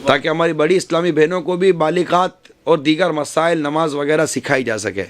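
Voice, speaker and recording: A man's voice: a little high, a crowd in the background. A man preaching to a women's gathering, giving earnest advice and often repeating and rephrasing his points. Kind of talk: religious speech.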